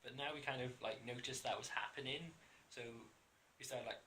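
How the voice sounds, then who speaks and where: A man's voice: mid-range voice, normal speed, pushed and bright, a little hiss or hum, low-quality recording. A young Welsh man chatting casually in a relationship advice vlog, rambling with lots of fillers. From Wales. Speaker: vlogger.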